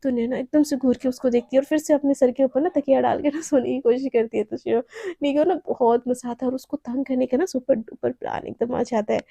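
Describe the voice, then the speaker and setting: A young woman casually retelling a love story in a chatty, animated way, full of fillers. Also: sits high, brisk, creaky, dry recording, clean studio sound.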